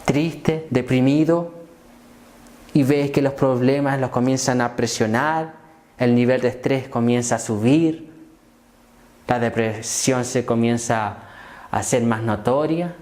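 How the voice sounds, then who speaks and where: A man preaching a sermon as pastor, repeating phrases and asking rhetorical questions, dropping low then rising to emphatic points. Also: slow. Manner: swings between hushed low lines and raised emphatic ones.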